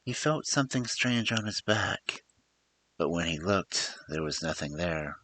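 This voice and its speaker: With a dramatic storyteller's wide-ranging intonation, a man narrates a tale at an unhurried pace, his voice sitting very low. The delivery is theatrical, emphatic and animated, and his tone is sharp.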